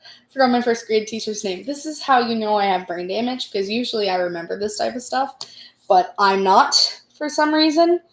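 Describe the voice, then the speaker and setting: Casting: young female vlogger, American accent, fairly high voice, rambling self-mocking storyteller, echoey room sound. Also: expressive, normal speed, slight background noise. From United States. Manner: rambling, self-deprecating, giggly. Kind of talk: casual personal storytelling.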